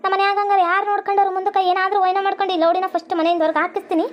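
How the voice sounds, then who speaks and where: A woman voicing a gruff, scheming older mother-in-law, scolding in a low voice. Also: level tone, rapid-fire, muffled recording.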